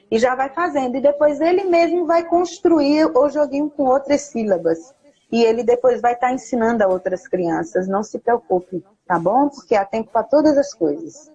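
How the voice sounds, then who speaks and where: An invited guest speaker, a woman with a husky, fairly high-pitched and darkish voice, shares teaching tips in a casual live chat. She is earnest and encouraging and quotes scripture slowly. The lo-fi live stream sounds like a phone or laptop on a video call.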